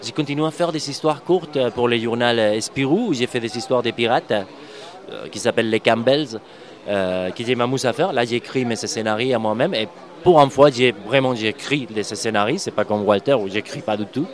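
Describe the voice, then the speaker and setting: A man's voice: mid-range voice, moderate pace. A comic book artist, a man, answering interview questions hesitantly with frequent fillers. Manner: hesitant, frequent fillers, apologizes for his speech.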